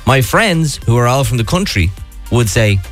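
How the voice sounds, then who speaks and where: Young irish guy on the radio, swoopy lively voice, laughs at himself. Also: mid-range voice, normal speed, faint music behind. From Ireland. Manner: animated, self-mocking. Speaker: radio co-host. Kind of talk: casual radio chat.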